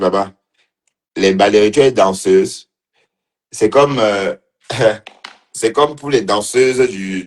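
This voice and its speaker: A man giving casual livestream commentary, teasing and mocking as he talks, laughing often and repeating phrases. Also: lowish voice. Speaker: online commentator.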